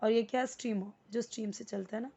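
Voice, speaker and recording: A woman teaching English to beginners, patiently repeating each word slowly and breaking it into parts. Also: fairly high pitch, fairly even intonation, creaky, dark tone, dull audio. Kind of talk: spoken English lesson for beginners.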